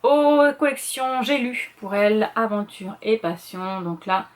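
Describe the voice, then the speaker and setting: A middle-aged woman talks casually about the books she plans to read. She speaks quickly and rambles, dropping fillers and correcting herself as she goes. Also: medium pitch, animated. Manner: chatty, rambling with many fillers and self-corrections; quick talker, admits speaking too fast. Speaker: booktuber presenting a reading challenge list. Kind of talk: casual chat.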